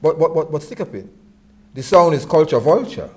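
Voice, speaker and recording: Male guest, slightly high voice, Rasta speech, conversational, stammers through repeats before making his point. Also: expressive, brisk. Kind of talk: casual Rastafari reasoning discussion.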